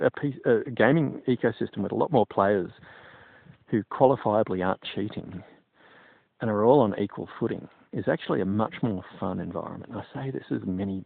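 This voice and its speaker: A man's voice: fairly low pitch, creaky, breathy edge, no echo. A middle-aged man and PC technician giving his opinions on gaming in a digressive, casual monologue. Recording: tinny phone-like sound, dry.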